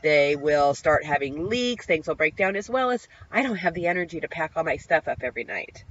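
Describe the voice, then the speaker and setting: A woman's voice: low voice, lively intonation, brisk, fairly bright tone. Candid middle-aged woman, muffled lo-fi audio. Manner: candid and heartfelt, rambling with many ums and restarts. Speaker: vlogger sharing her recovery. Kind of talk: personal video diary.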